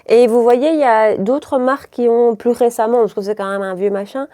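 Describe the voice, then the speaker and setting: Chatty Belgian woman with a mellow voice. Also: on the high side, steady tone, moderate pace, no echo. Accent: Belgian French, mild Brussels. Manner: rambling, self-interrupting, laughs often. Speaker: beauty vlogger. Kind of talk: chatty makeup tutorial.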